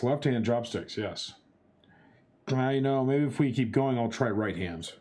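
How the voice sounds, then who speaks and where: A man's voice: mid-range voice, a little mellow. A young man streaming for charity, chatting with his chat while he works through a chopsticks challenge, narrating each step with playful exclamations. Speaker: charity livestreamer. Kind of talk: casual livestream chatter to chat.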